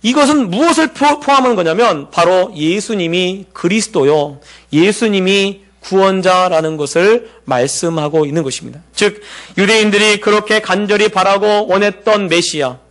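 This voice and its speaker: A male pastor preaching a sermon, mixing scripture with homey stories about his family and acting out quoted dialogue in a softer voice. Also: high voice, normal speed.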